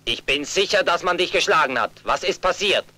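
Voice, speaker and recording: A man's voice: fairly high pitch, lively intonation, fairly quick, pushed and bright, dry recording, exaggerated voice, low-quality recording. A man dubbing a young adult younger brother, earnest and insistent, protective of his family. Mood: determined. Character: protective younger brother, a fighter back home. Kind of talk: German film dub.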